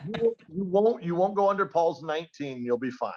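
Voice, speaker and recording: A man's voice: on the high side, big pitch swings, moderate pace, muffled recording, noisy background. A man hosting a casual podcast, rambling and self-deprecating as he tells a joke. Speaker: podcast host.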